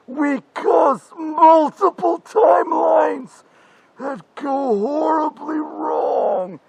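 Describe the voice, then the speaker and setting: A man voicing a weary, older masked slasher who rants in frantic, crude, yelling bursts in a comedy parody sketch. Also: extremely high pitch, vocal fry, exaggerated voice, low-quality recording.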